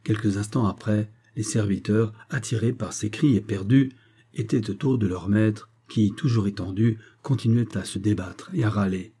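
A man narrates an audiobook in a measured, dramatic manner. His voice sits low, with a dark, mellow tone and a husky grain. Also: fairly even intonation. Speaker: audiobook reader.

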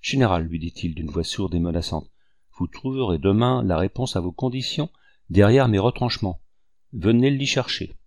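A man's voice: sits low, fairly even intonation, a little fast, hardly any pauses, dry recording, voice pushed down. A man voicing a proud rebel commander who speaks with grave bitterness, in an audiobook. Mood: menacing.

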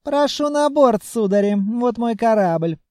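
A man voicing a brisk, blunt young female ship captain. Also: very high-pitched, expressive, a little mellow, no echo, studio quality, voice pushed up. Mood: proud.

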